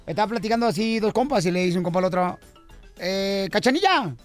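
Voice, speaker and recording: A man's voice: sits high, expressive, fast, faint music behind. A man hosting a radio comedy show, playfully telling jokes and laughing at them. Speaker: radio host.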